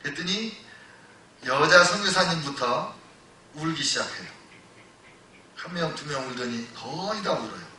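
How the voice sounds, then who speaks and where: Bright-voiced pastor preaching in a hall. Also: male voice, on the high side, lively intonation, unhurried, pauses often, slight background noise. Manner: storytelling, swings from loud exclamations to hushed retelling. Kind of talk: sermon. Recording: echoey church hall, voice from a distance.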